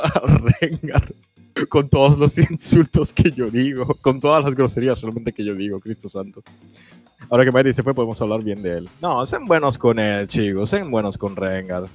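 A man chatting casually as a guest co-host of a live stream, laughing a lot and stammering, with faint music in the background. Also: mid-range voice. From Italy. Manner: chatty, laughs often, stammers and repeats words.

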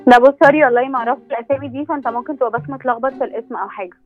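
A woman's voice: sits high, fairly even intonation, very fast. Curt Egyptian woman over the phone. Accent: Egyptian Arabic. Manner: firm, curt, keeps refusing. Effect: heard over the phone. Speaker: bank loans officer. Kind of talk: prank call, phone conversation. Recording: dull lo-fi phone line with faint music.

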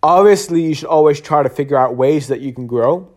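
A man's voice: on the high side, fairly quick, a little mellow. A man hosting a solo podcast, talking in an earnest, rambling way with many fillers and restarts, tired and yawning. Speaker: podcast host. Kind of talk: casual solo podcast monologue.

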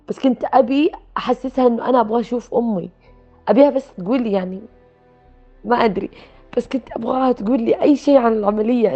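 A woman recounting a personal experience in a soft, reflective way, with pauses and restarts. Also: on the high side. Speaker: guest telling her story. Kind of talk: personal storytelling. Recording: dull lo-fi sound with faint music.

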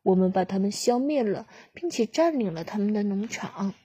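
A woman voicing a proud little green alien chick with teeth, cheerful and a bit boastful, in a breathy voice. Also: medium pitch, lively intonation, normal speed, mellow, no room sound. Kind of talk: storybook reading.

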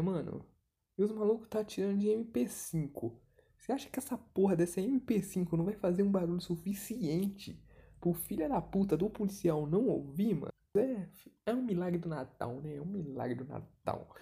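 Brazilian man, very dark gravelly tone, rambling slangy movie recap full of swearing. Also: fairly high pitch. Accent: Brazilian Portuguese. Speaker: movie retelling vlogger. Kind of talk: casual profane movie recap.

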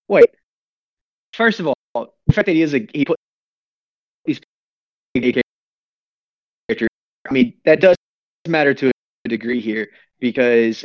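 A man joining a casual movie discussion over an internet call whose audio keeps breaking up and dropping words, talking in halting, restarting sentences. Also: mid-range voice, dry recording. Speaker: podcast panelist. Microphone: remote internet call. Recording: dull, dry call audio from off-mic.

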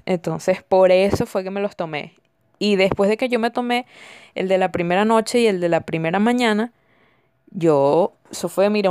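A woman's voice: medium pitch, a little mellow, clear, resonant tone, no echo, studio quality. Chatty young Venezuelan woman. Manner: chatty, repeats words for emphasis. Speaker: podcast host. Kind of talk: casual storytelling monologue.

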